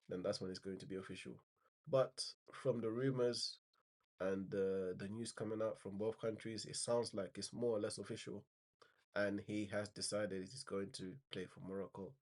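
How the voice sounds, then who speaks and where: Slightly nasal from a mild cold, this man gives a casual spoken roundup of football news in a low, rather mellow voice. He wanders as he talks, often restarting and filling gaps with filler words.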